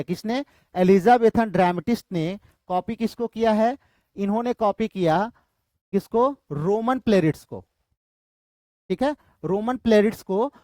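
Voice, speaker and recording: A man's voice: high voice, a little mellow, no room sound. A male literature teacher giving an exam-prep lecture in Hinglish, often asking a question and then answering it himself. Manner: repetitive quizzing, asks and answers own questions.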